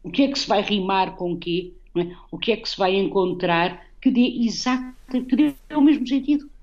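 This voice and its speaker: A woman with a European Portuguese accent talks through a poem with reflective, analytical care, often checking in with a quick tag question. Her voice sits at an ordinary middle pitch. The sound is a little dull and muffled, like an older broadcast. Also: a little mellow. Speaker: guest poet. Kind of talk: radio conversation about poetry.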